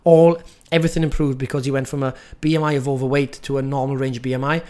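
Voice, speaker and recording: Brief: man, nutrition coach, mid-pitched, direct and emphatic teaching. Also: level tone, quick pace, warm tone. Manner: emphatic, direct, keeps asking "right?". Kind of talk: coaching lesson.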